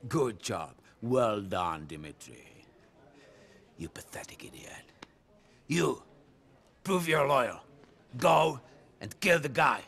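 A gravelly volatile mob boss. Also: male voice, on the high side, lively intonation, slow pace, pauses often, fairly bright tone, full character voice. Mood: menacing. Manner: barking, threatening, sneering. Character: volatile paranoid male mob boss, menacing. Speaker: crime boss. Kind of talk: video game cutscene acting.

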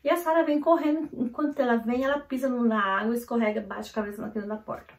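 Speaking to camera indoors at home, this Brazilian mother and vlogger rushes through a family story with lots of animation and frequent "então, assim" fillers. Her pitch is slightly high, and the home room sounds echoey and roomy.

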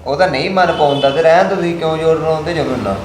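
An actor playing a young adult elder son who earns money and placates his mother in a family drama, speaking in a reasoning, calming way. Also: fairly high pitch, rapid-fire, natural voice. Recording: echoey room with clear noise.

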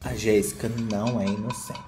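A man in his thirties with a Brazilian accent hosts a commentary video from a small home studio, dishing casual gossip in a sassy, theatrical, slang-heavy style. His voice sits fairly low with little pitch movement, runs a little fast, and has music playing in the background.

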